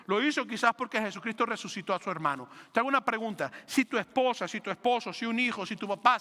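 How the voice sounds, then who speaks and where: A man preaching a sermon as a pastor, animated, acting out the lines of biblical figures. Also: very high-pitched. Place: church hall. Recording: reverberant sanctuary sound.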